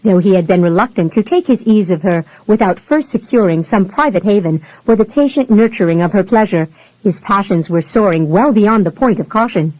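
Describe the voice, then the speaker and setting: A woman narrating a historical romance audiobook in a measured, even way. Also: mid-range voice, no room sound, poor audio.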